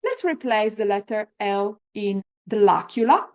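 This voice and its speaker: A woman giving an encouraging language lesson on rolling the R, sounding out example words deliberately as a teacher. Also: mid-range voice, animated, a little mellow, highs cut off. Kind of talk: pronunciation lesson with slow, repeat-after-me example words.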